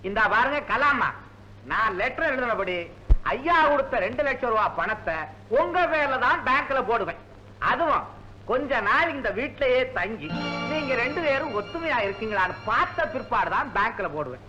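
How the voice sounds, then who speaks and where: A man's voice: expressive, moderate pace, highs cut off, faint music behind, full character voice. An actor playing a fussy, suspicious elderly estate manager in a 1970s film comedy, often exclaiming as he talks. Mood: stern. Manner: high, bright, exclaiming "ஆ" often.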